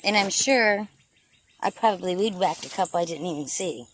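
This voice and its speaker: A woman's voice: on the low side, normal speed, slight background noise. A woman narrating a casual garden vlog outdoors, thinking aloud as she works. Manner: chatty, thinking aloud while working. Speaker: gardener filming her garden.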